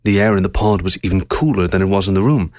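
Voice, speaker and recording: A man narrating a science-fiction story aloud with steady, measured storytelling. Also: low voice, no room sound, clean studio sound.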